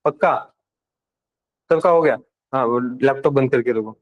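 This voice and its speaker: A man's voice: mid-range voice, measured pace, lo-fi sound. A man teaching a live programming class, talking casually and directly to his students. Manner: casual and direct with students, switching between Hindi and English terms. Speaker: programming instructor.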